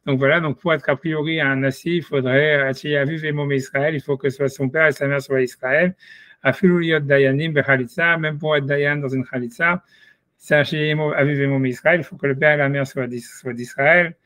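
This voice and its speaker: A man gives a relaxed Talmud lesson, his slightly raised voice picked up close and dry. He works things out as he goes, stopping and restarting his sentences. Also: fairly high pitch, no echo. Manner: halting, thinking aloud with many restarts. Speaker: Torah study teacher.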